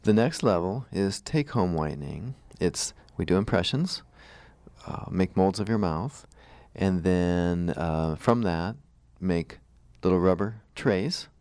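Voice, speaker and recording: Low, clear-voiced man hosting a radio interview. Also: slow pace, darkish tone, no room sound. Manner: informal, explanatory. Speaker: radio show host, dentist.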